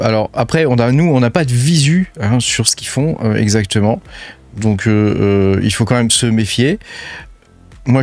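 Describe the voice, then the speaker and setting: French man, casual tech walkthrough, chatty with fillers, mid-pitched, dry sound. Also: no room sound. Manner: chatty, lots of fillers and hein, addresses viewer as tu. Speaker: crypto channel host. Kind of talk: casual screen-share walkthrough.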